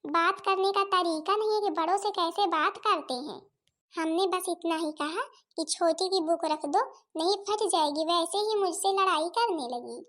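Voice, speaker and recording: Woman doing a scheming aunt, cartoon, sarcastic, scolding, Awadhi accent, very high voice. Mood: complaining. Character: scheming shrewish young aunt by marriage. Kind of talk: cartoon voice acting.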